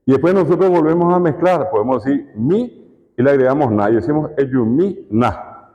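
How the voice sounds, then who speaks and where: A university lecturer with a Paraguayan Spanish accent gives a conference talk in an animated, mid-range male voice at normal speed. He explains through repeated examples and rhetorical questions, recorded in an echoey hall with dull, lo-fi sound.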